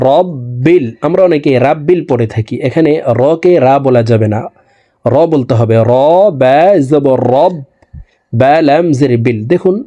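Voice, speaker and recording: Man teaching slow Quran spelling. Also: medium pitch, dark tone. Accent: Bangladeshi Bengali. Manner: patient, repeats each syllable for learners to copy. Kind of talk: spelling-out Quran lesson, slow drawn-out recitation.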